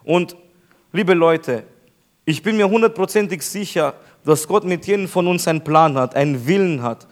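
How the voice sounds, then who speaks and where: A man with a notably high speaking voice delivers a sermon as pastor. He preaches with emphasis and stretches out key phrases slowly, repeating them for weight.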